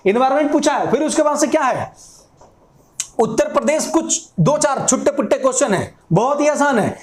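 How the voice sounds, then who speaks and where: A man's voice: extremely high pitch, echoey room. A young man teaching an exam-prep class at a whiteboard, often repeating key points and asking and answering his own questions. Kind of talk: classroom lecture.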